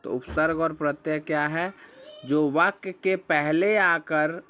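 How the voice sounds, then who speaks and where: A man's voice: a little high, fairly even intonation, slow, bright, forceful tone, faint music behind. A man teaching a textbook lesson, patiently explaining, repeating key words and asking questions that he then answers himself. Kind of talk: slow classroom explanation of a textbook chapter.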